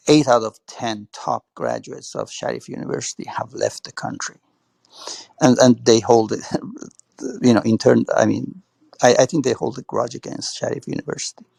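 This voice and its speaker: A man's voice: medium pitch, gravelly, darkish tone, no room sound. A man speaking in an online audio chat room, hesitant, repeating words and saying "you know" often. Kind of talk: casual spoken remarks.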